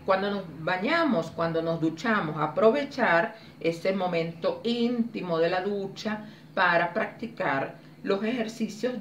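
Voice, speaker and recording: A woman leading a public speaking workshop, explaining exercises clearly and demonstrating intonation with lively expression. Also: on the low side, a little hiss or hum. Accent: Spanish. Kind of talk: teaching a workshop. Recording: echoey room, voice from a distance.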